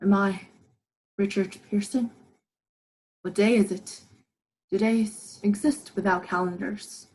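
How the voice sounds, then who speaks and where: A woman's voice: mid-range voice, steady tone, slow pace, pauses often, darkish tone, breathy edge. A young woman playing a weary, haunted male professor who narrates his survival journal in a radio drama. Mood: brooding. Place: living room at home.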